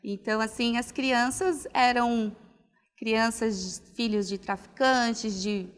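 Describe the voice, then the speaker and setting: A young adult woman from Alagoas in Northeast Brazil, a pedagogue studying psychology, answers interview questions reflectively and casually, often saying "né" and restarting. Her fairly high voice is slow, clear, and resonant with fairly even intonation, and a long hall reverb surrounds it.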